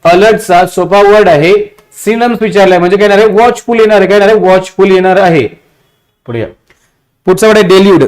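A man's voice: high-pitched, quick pace. A male teacher with a Marathi accent giving an exam-prep vocabulary lecture, repeating meanings and quizzing his class. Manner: repetitive, drilling meanings and asking the class.

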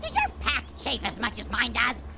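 A woman's voice: a little high, wildly swooping pitch, normal speed, gravelly, very noisy, heavily acted. A woman voicing a small, cowardly alien grunt soldier who grumbles nervously in comic game voice lines. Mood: gossipy. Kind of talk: video game unit voice lines. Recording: loud game music behind.

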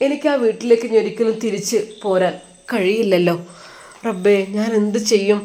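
A woman voicing a lovesick, anxious young man in a storybook tale, speaking softly and tearfully. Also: mid-range voice, steady tone, fairly quick, close to an everyday voice. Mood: sorrowful. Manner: soft, quiet and tearful.

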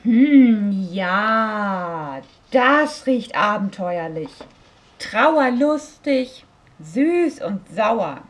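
A woman voicing a small, excitable furry creature that eats books, talking with a lisp in a read-aloud story. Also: mid-range voice, very slow. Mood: chatty. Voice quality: lisping. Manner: relishing, playful word-savoring. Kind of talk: storybook reading.

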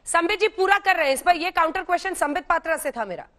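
A woman's voice: very high-pitched, animated, fast talker, crowd noise. A woman news anchor moderating a heated TV debate, firmly managing turns between the guests. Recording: crosstalk from debaters.

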